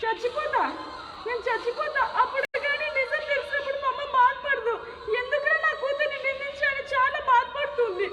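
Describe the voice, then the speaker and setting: A woman's voice: extremely high pitch, sharp tone. A young woman acting in a stage drama, speaking in a tearful, pleading, anguished way, recorded from far off in an echoey hall. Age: young adult. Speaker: student actor playing the sick daughter.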